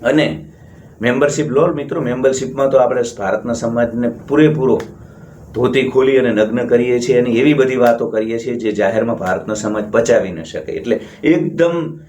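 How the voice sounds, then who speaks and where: A man's voice: mid-range voice, normal speed, a little mellow, a little hiss or hum. A man from India hosting a motivational channel, giving a blunt monologue in a scornful tone and hammering his points with repeated words. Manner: blunt, scornful, emphatic repetition. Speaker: motivational channel host and counselor.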